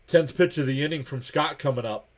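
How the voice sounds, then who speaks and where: A man streaming a live game reaction, calling each pitch and count in casual play-by-play while greeting viewers and reading their chat messages aloud. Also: fairly quick. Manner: chatty and laid-back, greets viewers by name.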